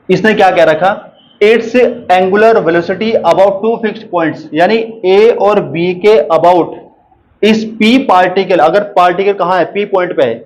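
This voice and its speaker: A man with a high-sitting voice teaches a maths board lesson explaining proofs, repeating each step and asking and answering his own questions. He reads the English problem text slowly and deliberately, and the audio is poor.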